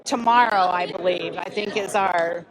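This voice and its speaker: Hosting live interviews from a booth at a busy indoor trade show, a woman talks in a chatty, rambling, encouraging way. Her pitch is fairly low and her pace moderate. The recording is low quality, with crowd chatter and busy noise behind her.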